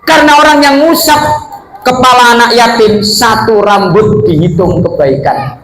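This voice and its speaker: A middle-aged man preaching a lively sermon to a gathered congregation, joking and mixing in Arabic phrases. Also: extremely high pitch, moderate pace, soft background music. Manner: lively, jokey, mixes local words and Arabic. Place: prayer room with a gathered audience. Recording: echoey room with crowd.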